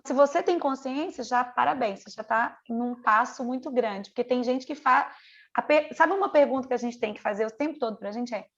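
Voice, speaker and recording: A woman's voice: high-pitched, gravelly, lo-fi sound. A middle-aged woman, teaching a mentoring group over a video call in an earnest, conversational way, full of rhetorical questions. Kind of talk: online mentoring lesson.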